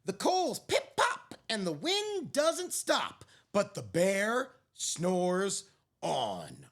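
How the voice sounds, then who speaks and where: A woman reading a picture book aloud to young children, expressively, with drawn-out dramatic phrasing and friendly asides. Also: medium pitch, huge pitch swings, a little hiss or hum. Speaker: children's storyteller.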